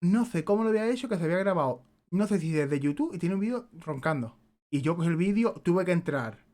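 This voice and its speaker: A man's voice: high voice, expressive, quick pace, mellow. Brief: young Spanish-man streaming a game, loose, rambling and swearing. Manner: rambling anecdotes, repeats himself, swears casually. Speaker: gaming streamer. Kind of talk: casual chat while playing.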